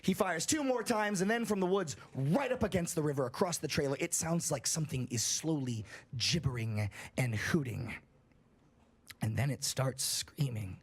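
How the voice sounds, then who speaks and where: This man's voice is animated and slightly rough, moving at a normal speed. He's streaming live, reading out a horror story in a loose, foul-mouthed way and getting higher-pitched as the tension builds.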